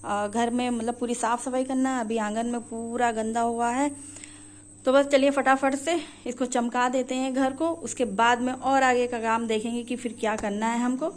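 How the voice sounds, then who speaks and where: A woman's voice: a little high, level tone, normal speed. A young woman casually narrating her day for a vlog, chatting to viewers as friends. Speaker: vlogger.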